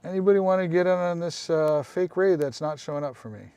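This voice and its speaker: A man's voice: on the high side, brisk, mellow, clean tone, no room sound. A man hosting a casual live stream, chatting with viewers, calling them by name and making apologetic asides.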